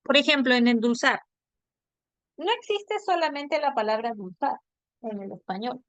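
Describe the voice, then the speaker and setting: A woman lectures on word formation, her voice sitting a little high. She explains patiently and keeps tossing in quick tag questions to check that students follow. The sound is dry and close, with no room around it. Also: lively intonation, no room sound. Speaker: language teacher. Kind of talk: online class lecture.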